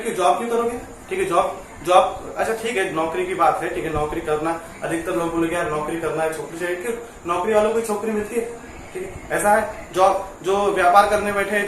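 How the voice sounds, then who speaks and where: A man's voice: high-pitched, slight background noise. A man giving a casual spoken lesson in a chatty way, often checking in with the listener and mixing English phrases into his talk. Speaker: teacher. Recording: echoey room, voice far from mic.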